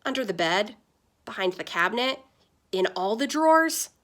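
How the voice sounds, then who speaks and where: A woman's voice: mid-range voice, expressive, moderate pace, a bit bright, natural voice. A woman voicing a concerned, questioning mother in a children's storybook.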